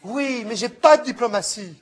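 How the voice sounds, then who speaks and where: A man's voice: very high-pitched, lively intonation, moderate pace. A man reading short comic plays aloud, taking on every part himself and switching between character voices.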